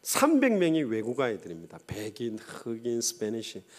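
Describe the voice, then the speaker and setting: A man pastor preaching a sermon, impassioned, retelling a story with quoted dialogue and sudden drops to a quiet voice. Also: medium pitch, huge pitch swings, normal speed.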